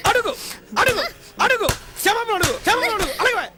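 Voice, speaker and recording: A man's voice: very high-pitched, big pitch swings, fast talker, heavy background noise. An actor playing a flustered middle-aged father in a film, pleading and exasperated. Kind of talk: Telugu film dialogue.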